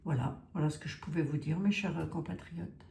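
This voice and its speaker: Her low, creaky voice moves fairly quickly as she, a Lorraine-accented clairvoyant, chats warmly through a card reading for viewers, often closing lines with "hein". The room is echoey, with slight noise in the background.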